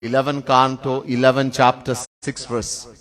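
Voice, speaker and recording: A man with a Trinidadian accent giving a sermon as a swami in a temple, chanting Sanskrit verses slowly in a sung tone between plain teaching. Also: medium pitch, little pitch movement, fairly bright tone. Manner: lists words in long spoken series. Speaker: swami giving a spiritual discourse.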